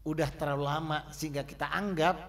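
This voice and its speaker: A man preaching a Friday sermon in rhythmic, rhyming lines that swing from loud to soft. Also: on the high side, fairly even intonation, fast. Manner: rhythmic rhyming oratory with sharp swings in loudness. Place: mosque hall. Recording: echoey mosque hall sound.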